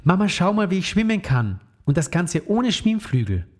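A man voicing a proud, cheerful little girl in a children's story, with a high, excited childlike voice. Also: normal speed.

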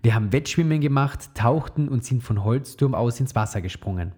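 A man reading the lines of a jovial, fond father in a children's story, in a relaxed, chatty tone. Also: medium pitch, fairly quick, husky.

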